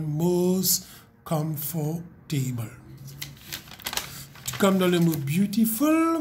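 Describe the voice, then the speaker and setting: Slow, patient woman teaching a lesson. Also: fairly low pitch, darkish tone, slight background noise. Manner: patient, repeats words slowly, checks with "ok?". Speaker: primary school English teacher. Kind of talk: classroom lesson explanation.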